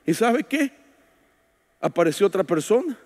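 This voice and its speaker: Man, pastor, very high voice, storytelling sermon, loud bursts and quiet asides, joking with the congregation, long hall reverb. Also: sing-song, moderate pace. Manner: storytelling preacher, swings from shouts to hushed asides; jokes with the congregation. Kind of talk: sermon at a women's retreat. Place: church hall. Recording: long echo of a large hall.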